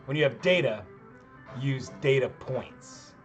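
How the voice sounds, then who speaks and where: This middle-aged chemistry professor has a medium-pitched, expressive voice and speaks slowly over faint background music. He talks through a screen-recorded lab tutorial in a loose, rambling, self-deprecating way, sounding increasingly worn out.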